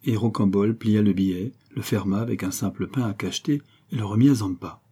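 A man narrating a classic novel as an audiobook, in a steady, measured storytelling manner. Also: fairly low pitch, husky. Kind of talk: scripted narration.

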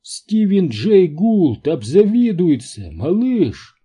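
A man's voice: on the high side, animated, a little slow, warm tone, pitched above the performer's own voice. A man voicing a cocky male scientist who is enthusiastic and a little smug. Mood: thrilled.

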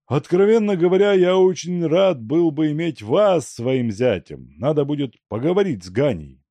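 A man playing a worried old merchant father who frets and pleads in a lively, gravelly voice, in a storybook reading. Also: on the high side, moderate pace, no room sound, voice pushed up. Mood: fretful. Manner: fretful, pleading.

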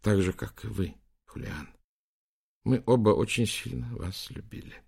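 A man voicing a gentle, sorrowful elderly bishop in an audiobook, speaking softly and confidingly. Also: lowish voice, a little slow, creaky, husky, voice pushed up, heavily acted. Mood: tender.

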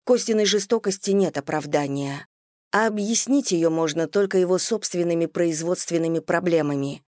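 An audiobook narrator reading a novel in steady, even scripted narration. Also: mid-range voice, normal speed, no room sound, studio quality.

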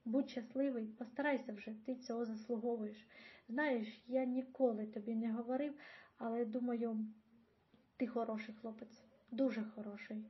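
A woman reading a reserved father who speaks haltingly and tenderly to his son. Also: a little high, steady tone, close to an everyday voice. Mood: halting warmth. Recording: dull lo-fi audio.

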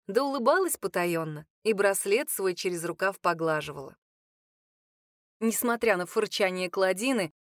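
A woman's voice: medium pitch, no room sound. Woman narrating an audiobook, dry sound. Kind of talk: first-person audiobook narration.

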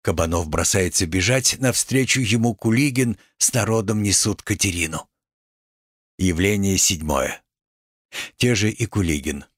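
Husky man reading stage directions, slow, dry. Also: low-pitched, no room sound. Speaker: reader.

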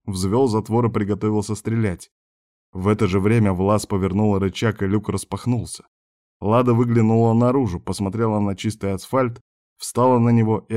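Male narrator, low voice, steady vivid storytelling, scripted audiobook narration.

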